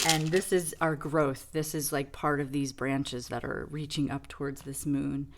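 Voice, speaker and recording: A woman's voice: low-pitched, fairly even intonation, unhurried, very noisy. A woman giving a casual tarot reading demo, reflective and rambling with many fillers. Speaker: tarot reader.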